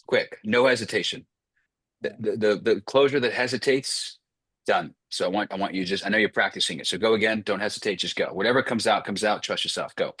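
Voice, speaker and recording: A man's voice: on the low side, a little fast, fairly bright tone, slightly rough, dry recording. A man coaching sales closers on a group video call, blunt and profane, firing off short commands.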